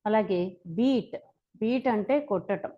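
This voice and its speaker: Slow, deliberate Telugu woman teaching. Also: medium pitch, highs cut off. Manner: spells out verb forms one by one, slow and deliberate. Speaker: English teacher. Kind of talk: slow spoken-English lesson.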